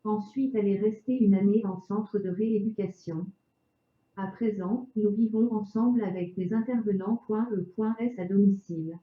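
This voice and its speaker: A woman's voice: mid-range voice, moderate pace. Chipper synthetic female voice, roomy and dull. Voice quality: synthetic text-to-speech voice. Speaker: video narrator. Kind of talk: scripted self-introduction narration. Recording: roomy echo, dull lo-fi sound.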